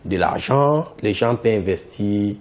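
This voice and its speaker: With a lively pitch and a slightly slow delivery, a Cameroonian man, English as his first language, gives TV interview answers as a company founder. He's insistent and keeps repeating his points.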